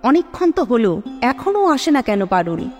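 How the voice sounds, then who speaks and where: A woman voicing an angry, impatient grown man who snaps and scolds in a storybook reading, with a long reverb and soft sitar music behind. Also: extremely high pitch, big pitch swings, moderate pace, exaggerated voice. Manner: snapping, scolding.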